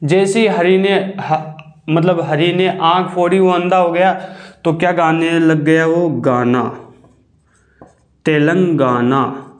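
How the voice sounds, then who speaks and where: A man with a high voice teaches a lesson, asking a question and then answering it himself. He stretches out the key words so they stick. The room around him is echoey. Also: flat delivery, measured pace. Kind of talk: classroom mnemonic lesson.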